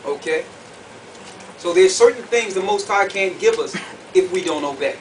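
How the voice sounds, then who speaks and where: A high-voiced male preacher and Bible teacher delivers a sermon to an audience in a conference room. He speaks at normal speed with lively intonation, emphatically repeating phrases and putting questions to listeners. The recording is distant and clearly noisy.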